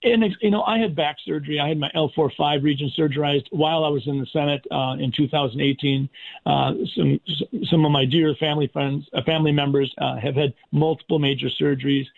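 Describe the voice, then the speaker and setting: An American man giving earnest, deliberate and emphatic answers as a radio interview guest, in formal wording. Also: a little high, steady tone, vocal fry. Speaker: interview guest, doctor and politician. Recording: tinny phone-like line.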